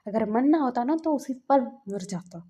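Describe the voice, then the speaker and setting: A woman's voice: a little high, animated, normal speed, mellow. A woman voicing a rude, stubborn young man who snaps at his family. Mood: angry. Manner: curt, angry.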